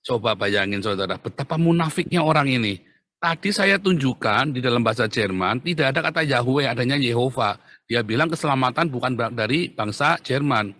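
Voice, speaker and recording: Middle-aged pastor guy preaching hard, keeps calling out to the crowd, crisp dry mic. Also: medium pitch, fairly quick, no echo. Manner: animated, emphatic, repeatedly addresses listeners as brothers. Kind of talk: preaching Q&A answer.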